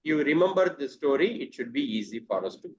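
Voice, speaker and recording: A man's voice: mid-range voice, very animated, very fast, darkish tone, husky. A man with a South Indian Tamil accent teaching an exam class, mixing Tamil and English, repeating key terms and asking checking questions. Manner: switches between English and Tamil. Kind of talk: interactive exam coaching lesson. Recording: dull, lo-fi online class audio.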